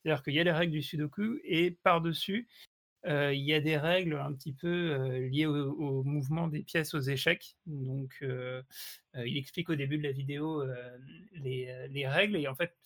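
Slightly high-voiced chatty podcast man. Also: steady tone, moderate pace, a bit bright. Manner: hesitant, laughing often, many fillers. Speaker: podcast co-host. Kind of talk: casual chat.

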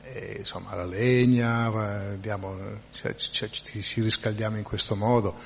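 A man with a fairly low voice gives a spiritual lecture, talking it through conversationally and often checking that listeners follow. His voice carries a long reverb, with a faint hum of noise underneath. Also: fairly even intonation, unhurried, creaky. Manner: conversational, frequent tag questions and restarts. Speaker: teacher of a devotional class.

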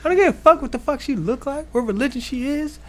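A man's voice: expressive, quick pace, crowd noise. A man mocking a crude leering young guy. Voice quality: high, yelling mock voice.

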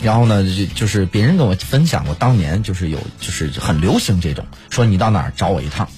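Speaking at a quick pace in a low-pitched voice, this co-host from Pingdingshan, Henan, spins stories during casual conversation. He acts out phone calls with plenty of laughter, and soft background music plays underneath.

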